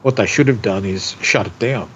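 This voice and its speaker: A man co-hosting a podcast, giving opinions in a halting, casual way. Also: on the low side, a bit bright, dull audio, a little hiss or hum. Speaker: podcast co-host. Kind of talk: casual chat.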